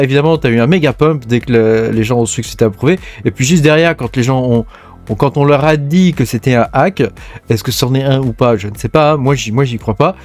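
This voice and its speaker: A man's voice: medium pitch, darkish tone. Chatty French man, hesitant delivery. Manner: chatty, hesitant, frequent fillers. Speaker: crypto mining channel host. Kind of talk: casual news commentary.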